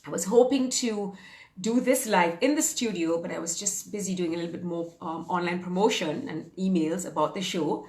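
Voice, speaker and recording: A woman's voice: lowish voice, moderate pace, a little mellow, roomy sound. A woman in her fifties, a fitness and mindset coach, chatting casually and upbeat on a live stream, rambling with plenty of fillers. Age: 50s. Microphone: phone or webcam on a live stream.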